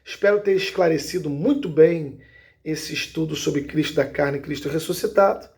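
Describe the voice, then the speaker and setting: A male pastor speaks high in his register, and a gravelly rasp runs through his voice. He teaches scripture with steady emphasis and often pauses to check that his listeners are following. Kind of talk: Bible teaching video.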